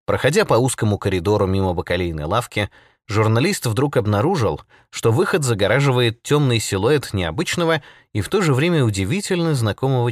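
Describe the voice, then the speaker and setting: A man narrating an audiobook with an expressive, dramatic reading. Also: medium pitch, no room sound, studio quality.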